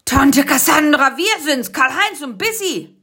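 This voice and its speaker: A woman's voice: a little high, animated, measured pace, a bit bright, husky, pitched above the performer's own voice, full character voice. A woman voicing a timid, always-hungry male spider in a storybook reading. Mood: fretful. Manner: fearful, whiny.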